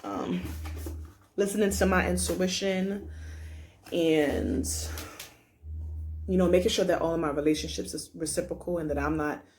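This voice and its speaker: A young woman doing a card reading, reading card texts slowly and then chatting loosely and casually about her day. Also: fairly low pitch, lively intonation, a little mellow, slight background noise. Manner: reads card texts slowly, then chats loosely with lots of "like" and "you know". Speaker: tarot card reader.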